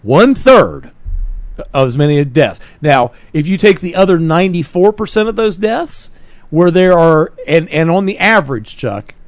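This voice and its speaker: Speaking at a normal speed with lively intonation, a man with a slightly high voice co-hosts a political talk podcast. He comes across as earnest and emphatic and often corrects himself mid-sentence, in a talk-radio chat style with no echo.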